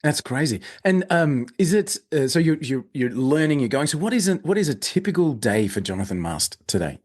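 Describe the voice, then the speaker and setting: A man's voice: a little high, big pitch swings, fairly quick, a little mellow. A man hosting an interview, heaping praise on his guest and stumbling through repeated starts before he reaches his questions. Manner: effusive, many repeated starts and fillers. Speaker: podcast host. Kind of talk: interview host.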